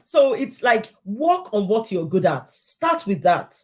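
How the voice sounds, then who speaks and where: A woman's voice: medium pitch, very animated, measured pace, a little mellow. A woman guest in a casual interview, telling her story and acting out the people she quotes.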